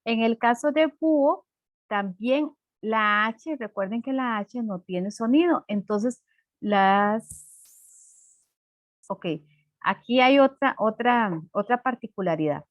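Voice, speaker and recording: Lady teacher, slow patient explaining, muffled dry call sound. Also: on the high side, dry recording. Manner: patient, explains slowly with many "¿verdad?". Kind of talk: online class lesson.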